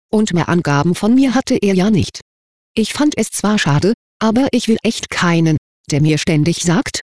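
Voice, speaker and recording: A reader giving a scripted first-person narration of a confession in an even, matter-of-fact way. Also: medium pitch, dry recording, clean studio sound.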